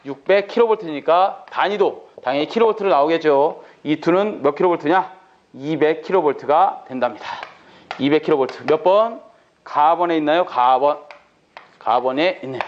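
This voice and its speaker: A man's voice: a little high, muffled recording. A male lecturer in an exam-prep lecture, working through problems by asking questions and answering them himself.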